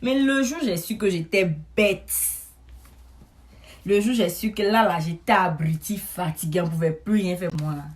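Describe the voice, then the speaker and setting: A woman, telling a comic story to camera in a chatty, animated way, with frequent asides to her listeners. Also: lowish voice, normal speed. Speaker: comedic storyteller.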